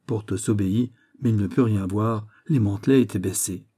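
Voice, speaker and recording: A man reading a classic novel aloud as a narrator, in a steady literary manner. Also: on the low side, normal speed, husky. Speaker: audiobook narrator. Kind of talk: scripted narration.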